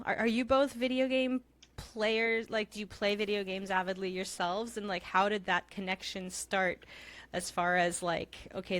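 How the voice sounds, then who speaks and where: A woman's voice: mid-range voice, a bit bright, dry recording. Woman podcast host, eager and chatty, dry close mic. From Montana. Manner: enthusiastic, chatty. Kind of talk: interview podcast.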